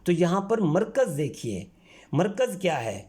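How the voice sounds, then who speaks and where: A man's voice: high-pitched, big pitch swings, darkish tone, breathy edge. A man from Pakistan teaching a school language lesson, patiently going through the exercises and spelling out words sound by sound. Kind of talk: explaining textbook exercises.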